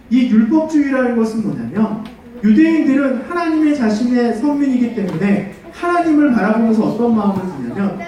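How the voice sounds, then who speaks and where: A man giving a children's sermon as pastor, animated and full of questions for the kids, leading them in call-and-response. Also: very high-pitched. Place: church hall. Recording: echoey church hall, far from mic.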